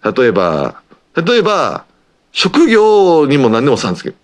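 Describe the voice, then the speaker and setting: A man with an Osaka Kansai accent hosting his own podcast, talking casually and rambling with lots of filler pauses. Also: on the high side, wildly swooping pitch. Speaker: podcast host, pro wrestler. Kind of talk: casual solo radio-style talk.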